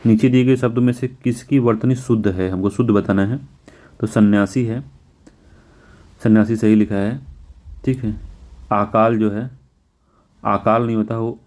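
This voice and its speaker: Male tutor, low mellow voice, repetitive and patient, drags out words as he spells them. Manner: repetitive, self-correcting, often says "ठीक है". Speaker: exam prep teacher. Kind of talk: Hindi spelling lesson walking through test answers.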